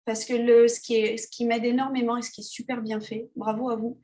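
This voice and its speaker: A woman's voice: on the high side, level tone, a little fast, dark tone. A woman photographer talking casually as an interview guest, hesitant, with many fillers and restarts. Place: Tahiti.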